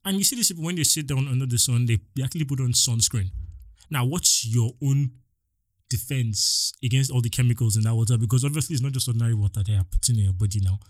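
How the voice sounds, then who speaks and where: A young man with a Nigerian accent hosting a solo podcast, talking in an animated, exasperated way straight to his listeners. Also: mid-range voice, fast, no room sound, studio quality. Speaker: podcast host.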